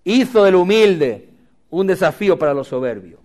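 A male pastor gives a dramatic sermon, sprinkling in humorous asides and lines the congregation repeats back to him. His voice sits high and sounds animated and a little mellow, at a normal speed.

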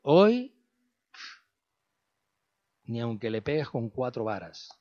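Man, pastor, sermon, dramatic loud and soft delivery, dull lo-fi recording. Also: medium pitch, normal speed, husky. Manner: dramatic, swings between loud rhetorical questions and quiet asides.

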